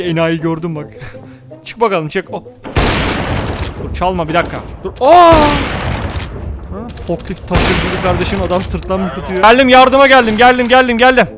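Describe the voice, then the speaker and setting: A young man giving jokey, excitable commentary on his own gameplay, often shouting at other players during fights. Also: sits high. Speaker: gaming YouTuber. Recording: game audio with music and gunfire behind. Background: music and gunfire.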